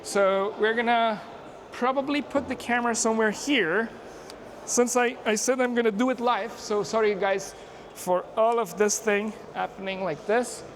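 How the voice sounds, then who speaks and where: A man's voice: high voice, steady tone. A man from Afghanistan vlogging outdoors at a busy conference on a handheld mic, chatting casually and narrating what he does. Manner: chatty, self-narrating, quick asides and laughs. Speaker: YouTuber and software engineer. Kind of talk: casual on-the-street vlog chat. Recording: noisy outdoor ambience.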